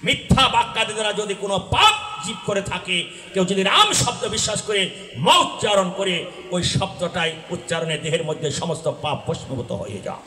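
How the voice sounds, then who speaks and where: Brief: male devotional storyteller, high bright voice, preaching and quizzing, echoey venue. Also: animated, normal speed. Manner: explains and quizzes audience, bursts into shouts. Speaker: folk religious storyteller-singer. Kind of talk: devotional folk drama preaching.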